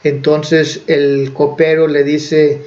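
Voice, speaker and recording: A man's voice: a little high, flat delivery, takes it slowly, darkish tone. A man preaching, who retells a Bible story in a conversational way with fillers and self-corrections. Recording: dull lo-fi recording.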